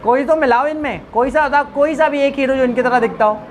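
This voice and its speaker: Speaking briskly in a high voice over slight background noise, a woman lectures her biology students. Her style is call-and-response: she repeats questions for the class to answer back and jokes with them in a relaxed way.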